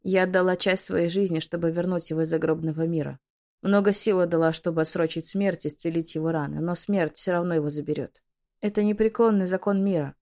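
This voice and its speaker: A woman voicing a desperate young pregnant witch who pleads and shouts in a raised, loud voice. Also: fairly low pitch, fairly even intonation, fairly quick, close to an everyday voice. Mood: ominous hush.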